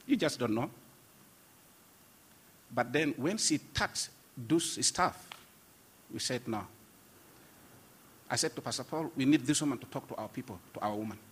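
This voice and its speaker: Here a South Sudanese pastor shares his testimony as a guest in conversation, earnest and emphatic, with frequent restarts. He has a mid-range voice that is slightly rough and a bit bright.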